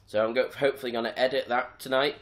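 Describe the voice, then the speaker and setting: A man's voice: mid-range voice, quick pace. A young man, talking casually and rambling a little as he vlogs from home. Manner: relaxed, rambling, with fillers and restarts. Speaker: vlogger. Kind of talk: casual vlog chat.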